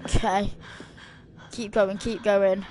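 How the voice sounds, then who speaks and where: A woman's voice: medium pitch, little pitch movement, slow pace, heavy background noise. A woman giving casual commentary as she plays a video game. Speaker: gamer commentator. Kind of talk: casual let's play commentary.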